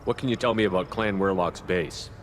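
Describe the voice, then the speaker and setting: An actor playing a calm, inquisitive human military commander in a video game, with a businesslike manner. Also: male voice, low-pitched, a little fast, slight background noise, natural voice. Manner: level, businesslike questioning. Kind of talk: video game character dialogue.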